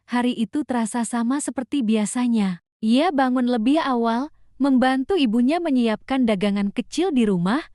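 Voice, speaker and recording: A woman reads a scripted story in a calm, even storytelling manner. Her voice sits somewhat high but sounds mellow and soft. The recording is dry and close. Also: no echo.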